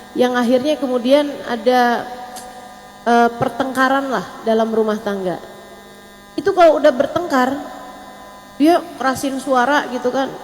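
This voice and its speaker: A woman preacher telling a personal story to a religious gathering, quoting Arabic scripture. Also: sits high. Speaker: female preacher. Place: majlis gathering hall. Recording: long hall reverb, faint mains hum.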